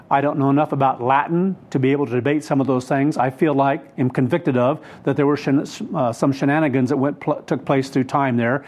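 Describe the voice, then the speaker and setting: This Bible teacher's voice sits on the high side and is a little mellow. Teaching scripture without a script, he comes across as earnest and rambling, often fixing his own words mid-sentence.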